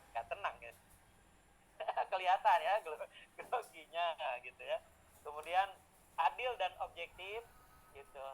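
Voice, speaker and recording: Chatty middle-aged male lecturer, slightly high voice. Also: slight background noise, low-quality recording. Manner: chatty, with frequent tag words and hesitations. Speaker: teacher-training lecturer giving feedback. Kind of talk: informal evaluative lecture.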